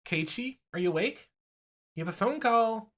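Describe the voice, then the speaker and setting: A man's voice: high-pitched, animated, normal speed, fairly bright tone, pitched above the performer's own voice. A man voicing a mother who calls her son from downstairs. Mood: calling.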